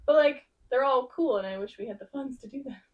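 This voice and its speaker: A woman co-hosting a casual podcast chat, talking in an animated way and acting out her own thoughts as quotes. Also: high-pitched, brisk, lo-fi sound. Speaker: podcast co-host.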